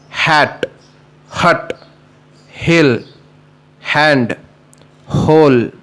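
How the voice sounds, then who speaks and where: A man teaching a phonics lesson at a very slow pace. He sets out each example word one at a time in a deliberate way. His voice is clear and smooth and sits a little on the high side. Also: a bit bright.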